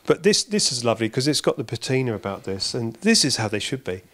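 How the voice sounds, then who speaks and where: A man's voice: medium pitch, sing-song, fast, a bit bright. A middle-aged English man with a handheld mic, interviewing a mechanic in a workshop, prompting eagerly with tag questions. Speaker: channel host interviewing a mechanic. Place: indoor motorcycle workshop. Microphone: handheld microphone with windscreen.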